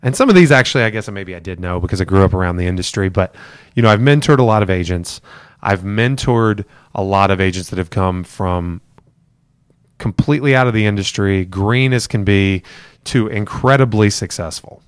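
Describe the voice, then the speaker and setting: A man's voice: on the low side, a little fast, smooth, no echo, clean studio sound. A middle-aged man leading a real estate team, giving a live-streamed talk to new agents in a conversational, emphatic way and repeating his key points. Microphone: camera for a livestream.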